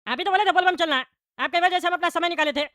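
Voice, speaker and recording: A bossy bald male politician, as a woman acts him out in a comic cartoon, talking. He scolds in a high, bright, hurried voice and throws out question after question. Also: no room sound, clean studio sound. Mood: pleading. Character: bald loud-mouthed male small-town politician.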